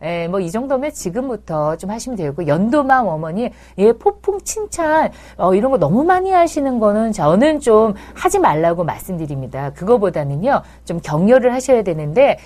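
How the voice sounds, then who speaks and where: A woman hosting a live parenting advice show, answering viewers' comments with a chatty, reassuring manner and acting out little scenes between parents and children. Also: medium pitch. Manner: animated, playfully acts out parents' and children's lines; chatty and reassuring, addresses mothers directly. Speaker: child psychology expert and host.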